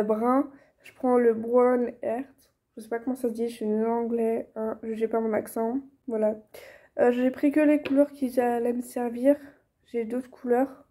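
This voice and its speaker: Chatty young woman, mellow voice. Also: a little high. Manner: chatty, many fillers and restarts. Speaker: vlogger teaching reborn doll painting. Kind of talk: casual tutorial chat.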